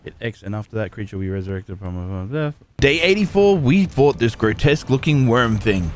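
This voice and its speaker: A young man narrating a survival game recap as a YouTuber, excitable and chatty with quick outbursts of reaction. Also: lowish voice, a little hiss or hum. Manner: lively and excitable, with sudden exclamations. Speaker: gaming YouTuber.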